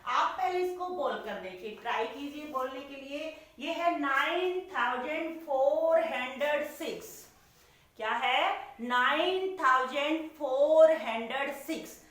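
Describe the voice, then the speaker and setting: Woman teacher, high voice, patient classroom lesson, very echoey room, mic far off. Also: a bit bright. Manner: slow, patient, repeats questions and calls the pupil "beta". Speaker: primary school teacher.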